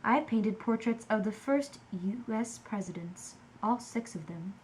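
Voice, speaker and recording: A woman's voice: mid-range voice, lively intonation, a little slow, darkish tone, slight background noise, poor audio. A young adult woman reading a first-person biography of a historical painter for a class project. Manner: reads in character as a historical painter. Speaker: student presenter.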